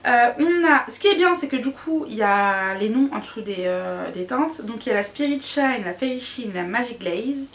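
Casual woman vlogger chatting about makeup, kinda high voice, roomy echo, lots of euh and oh là là. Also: lively intonation, normal speed, few pauses, fairly bright tone. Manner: chatty and candid, with frequent fillers and groaning exclamations. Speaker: beauty vlogger. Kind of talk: casual makeup review chat. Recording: echoey room, faint noise.

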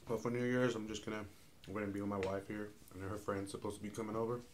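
A man's voice: on the low side, brisk, a little hiss or hum. Man talking with his mouth full. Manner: relaxed, rambling, many fillers. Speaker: mukbang vlogger. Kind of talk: casual chat to viewers while eating.

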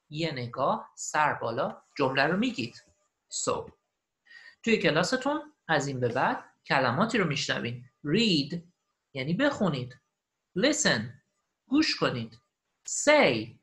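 A man teaching English beginners in a recorded online lesson, repeating each phrase slowly after the audio and then explaining it at length. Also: fairly high pitch, a bit bright.

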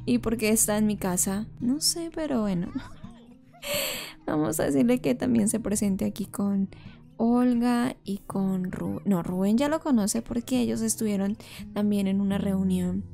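A woman's voice: mid-range voice, animated, measured pace, gravelly, dark tone. A woman giving chatty, emotional commentary while playing a life simulation game and talking to her viewers. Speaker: Sims let's-play creator. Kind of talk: casual gameplay commentary.

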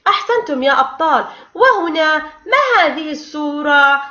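A woman leads a lesson for small children, her voice high and bright. She stretches out each letter sound slowly and praises in a sing-song way. The recording is dull and echoey. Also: animated. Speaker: kindergarten teacher.

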